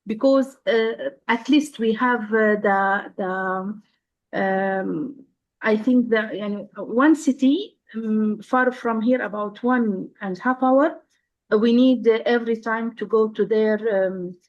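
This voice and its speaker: A woman from Syria, a nursing professor, speaking on a video call and pausing often with fillers and restarts. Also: a little high, muffled recording. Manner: halting, many fillers and restarts. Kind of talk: casual panel chat.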